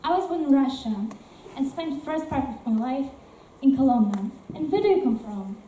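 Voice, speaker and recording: In an amateur stage performance, a woman plays a newcomer from Russia who enthusiastically and eagerly describes her new home. Her high voice is warm and expressive at a moderate pace, recorded from far off in an echoey room with faint noise.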